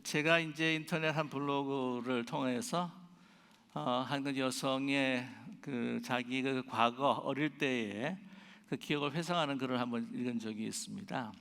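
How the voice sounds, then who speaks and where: A man's voice: mid-range voice, fairly even intonation, a little slow, creaky, fairly bright tone, clean tone. A male pastor telling a story in a conversational sermon, with many fillers and now and then acting out the people he quotes. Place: large church sanctuary. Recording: church livestream with long reverb and faint music.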